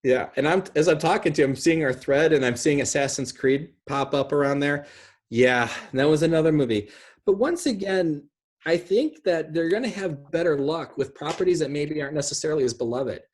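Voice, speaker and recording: A fairly high-pitched man in his thirties speaks fairly quickly on a video call from home, seated back from his computer indoors. He chats about films casually, rambling and emphatic.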